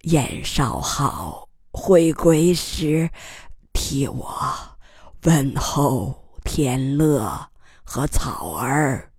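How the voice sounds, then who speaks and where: A woman reading a storybook, voicing a frail dying old man who speaks in a weak, breathy whisper, slowly and haltingly with gentle tenderness. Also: medium pitch, expressive, dry recording, clean studio sound, heavily acted. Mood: tender, weak. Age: older.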